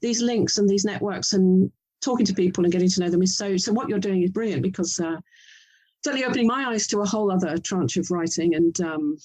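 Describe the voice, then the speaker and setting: As an interview guest, an English-accented author and audio drama producer from England talks with effusive, conversational enthusiasm. She's a fast talker with a medium-pitched voice that's a little mellow with a breathy edge, on a rough recording.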